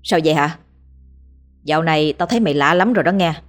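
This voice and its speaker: A woman's voice: low-pitched, fast talker, soft background music, natural voice. A woman voicing a harsh, abusive, often drunk husband who scolds coarsely. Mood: irritated.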